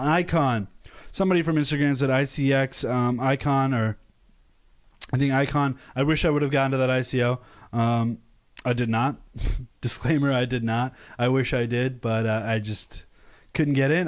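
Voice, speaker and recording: A young American man from the United States hosting a casual live stream, talking upbeat and rambling with many fillers and restarts. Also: mid-range voice. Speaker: crypto channel host.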